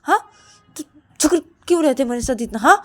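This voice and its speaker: A flustered young brother who keeps pleading for everyone to calm down and asks again and again what happened, voiced by a woman storyteller. He comes out in a high, raised voice rather than a deep one. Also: fairly quick, faint music behind. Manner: pleading, repeats calls to calm down.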